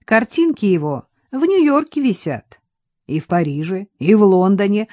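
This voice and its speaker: A woman's voice: medium pitch, darkish tone, no room sound, voice pushed up. A woman voicing a wry, teasing hungover man who drawls mockingly, in an audiobook.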